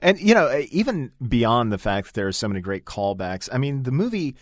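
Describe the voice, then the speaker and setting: A man's voice: medium pitch, big pitch swings, brisk, dry recording, studio quality. A man hosting a podcast, talking articulately and with enthusiasm. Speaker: podcast host. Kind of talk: casual podcast chat.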